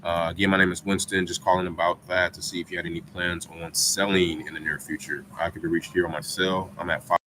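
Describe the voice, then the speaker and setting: A man with a very low voice leaves a voicemail, running through a friendly, practiced sales pitch with the odd "um" along the way. A steady noise sits under the recording. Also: fast talker, hardly any pauses, rough recording. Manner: friendly, scripted phone pitch with fillers. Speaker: real estate investor calling property owners. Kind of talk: leaving a voicemail.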